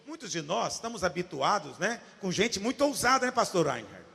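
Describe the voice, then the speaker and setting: A Brazilian man preaching a sermon in a church, swinging from hushed asides to shouted points. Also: high voice, very animated, fairly quick, vocal fry, long reverb tail. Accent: Brazilian Portuguese. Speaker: pastor. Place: church hall.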